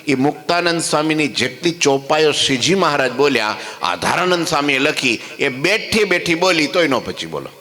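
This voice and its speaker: A man's voice: a little high, moderate pace. Man preaching in a reverberant hall. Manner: animated, swings between loud exclamations and soft quoted lines. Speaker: preacher telling scripture stories. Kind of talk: devotional sermon storytelling. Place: temple hall.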